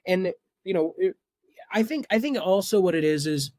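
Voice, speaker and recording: A man in his twenties with a high, darkish voice chats casually as a podcast guest. His intonation is lively and his speed normal, but he often stumbles and repeats words before finishing a thought. The recording is dry and close-miked.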